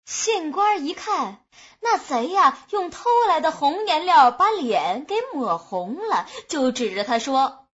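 In a humorous folk tale, a woman narrates with a lively, expressive storytelling style. Her voice is high-pitched and her pace slow, and the lo-fi recording sounds dull.

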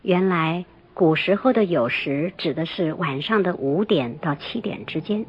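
A woman telling a folktale in scripted narration, expressive and lively. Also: fairly low pitch, measured pace, breathy edge. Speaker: storyteller. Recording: muffled lo-fi recording, soft music.

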